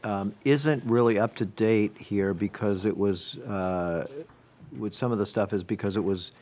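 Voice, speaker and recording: Fairly low voiced man walking the board through budget lines, table mic, meeting room. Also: unhurried, darkish tone. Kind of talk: town budget meeting presentation. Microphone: table microphone.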